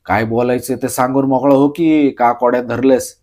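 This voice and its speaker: Man reads an elderly village headman, sharp and loud, storybook telling. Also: mid-range voice, steady tone, natural voice. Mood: scolding. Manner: loud rustic scolding, drawn-out rebukes. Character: shrewd elderly male village headman, scolding.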